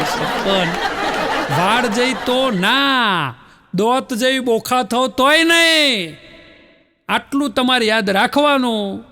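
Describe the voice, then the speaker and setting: A man's voice: high voice, pushed and bright. A man with a Gujarati accent telling folksy stand-up jokes, acting out husbands and wives in raised voices. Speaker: stand-up comedian. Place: stage before a laughing audience. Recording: long hall reverb.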